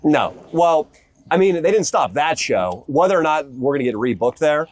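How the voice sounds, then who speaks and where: A man, a stand-up comedian, chatting casually while fishing outdoors, with a deadpan, sarcastic delivery. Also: on the high side, moderate pace, dry recording. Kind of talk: casual chat.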